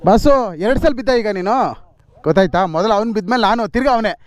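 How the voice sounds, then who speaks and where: A man with a high voice leads an off-road ride on a forest dirt trail, recorded on a camera mic as he goes. He talks fast, firing off repeated instructions to fellow riders and laughing often. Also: crowd noise. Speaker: motovlogger leading an off-road ride. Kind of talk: casual on-the-spot vlog talk.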